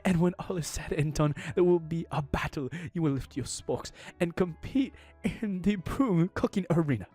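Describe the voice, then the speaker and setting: A pompous little corgi professor lectures with stern grandeur, demanding respect from his class, as a man puts him on. The voice sits high and bounces around a lot. Faint music plays underneath. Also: animated, normal speed, few pauses, dark tone, husky. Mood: grandiose.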